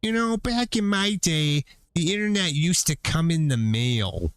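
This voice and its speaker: Man putting on a high old lady voice. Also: animated, unhurried, clean tone, no echo. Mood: nostalgic. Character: creaky old lady reminiscing.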